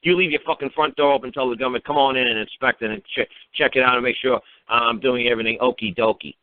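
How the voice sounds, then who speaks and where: A male talk show speaker fires blunt, profanity-laced advice at a caller, peppering it with mocking rhetorical questions. His mid-range voice holds a steady tone at a fast clip, with no room sound on the narrow-band internet radio line.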